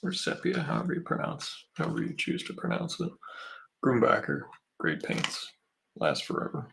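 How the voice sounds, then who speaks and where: A man's voice: mid-range voice, huge pitch swings, normal speed, vocal fry, fairly bright tone, a little hiss or hum. A man hosting a live painting stream, casually explaining each step as he works and answering questions from chat. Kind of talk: casual livestream painting demo.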